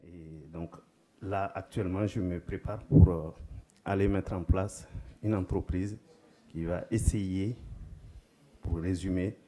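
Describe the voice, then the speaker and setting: A man entrepreneur describing his plans in a measured, deliberate way at a forum. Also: deep voice, fairly even intonation, dark tone. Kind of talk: testimony at a forum.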